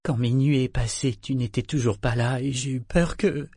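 A man's voice: medium pitch, fairly even intonation, normal speed, mellow, slightly rough, dry recording, clean studio sound. A man doing an anxious young suitor. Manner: tense, earnest.

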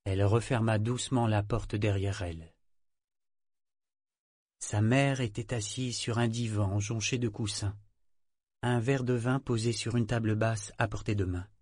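A man narrating an audiobook in a measured, expressive reading. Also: on the low side, no echo, clean studio sound. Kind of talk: scripted narration.

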